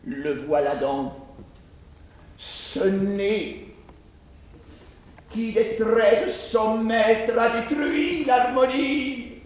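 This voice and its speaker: A man's voice: sits high, extremely slow, long pauses. An actor playing a proud, witty swordsman who mocks his own huge nose in classical verse, declaimed as a hammy stage performer with grand flourishes. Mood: haughty, biting. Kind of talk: classical French verse theatre monologue. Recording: very echoey hall, distant mic, background noise.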